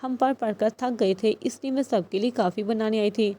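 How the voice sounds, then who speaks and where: A woman reading the lines of a gentle, sad young orphan who speaks softly, in an audiobook. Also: a little high, close to an everyday voice. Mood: quiet. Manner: soft, quiet.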